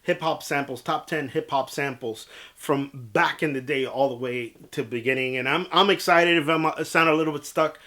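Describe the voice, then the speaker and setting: A man with a fairly high voice hosts a casual interview. He is enthusiastic and admiring as he introduces and questions his guest. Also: moderate pace, pushed and bright. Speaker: talk show host interviewer.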